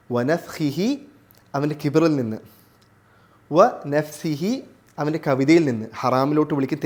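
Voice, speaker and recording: Higher-voiced male tajweed teacher. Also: a little mellow. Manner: recites Arabic slowly, then explains. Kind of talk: classroom lesson.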